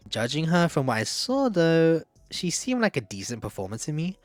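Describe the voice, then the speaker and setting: A man's voice: on the high side, very animated, normal speed, no room sound, soft background music. A man giving casual, candid opinion commentary in a chatty way, often hedging with "like" and "I don't know". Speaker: video essayist.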